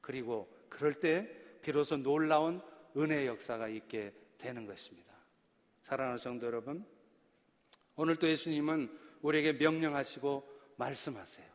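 A male pastor delivering a sermon, swinging from loud emphatic preaching to soft, hushed prayer. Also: medium pitch, normal speed. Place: church sanctuary. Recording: long church reverb.

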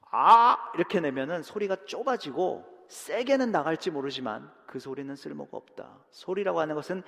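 A male pastor giving a dramatic sermon, swinging from loud emphasis to hushed, near-whispered lines and acting out short prayers and quotes. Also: a little high, gravelly, big-room sound. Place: church sanctuary.

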